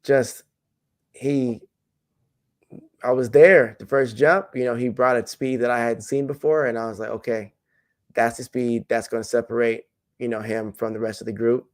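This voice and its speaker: In a mid-range voice at a moderate pace, this jumps coach for track and field chats in a podcast interview. His delivery is relaxed and meandering, packed with fillers and restarts.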